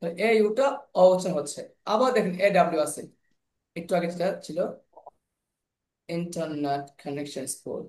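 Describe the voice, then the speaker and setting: A man teaching English pronunciation in an online class, slowly repeating sounds and words over and over. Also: on the high side, darkish tone. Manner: slow, repeats sounds and words many times. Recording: echoey room.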